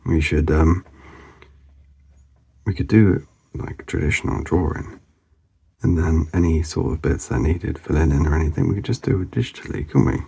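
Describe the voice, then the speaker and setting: A man's voice: very deep voice, steady tone, moderate pace, vocal fry, dark tone, breathy edge. A man hosting a drawing channel, mumbling casual commentary to himself as he sketches, rambling with lots of fillers.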